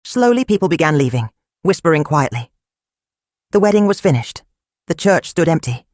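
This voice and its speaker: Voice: medium pitch, big pitch swings, normal speed, darkish tone, no room sound, studio quality. A storyteller narrating a folktale in short, simple, clipped sentences.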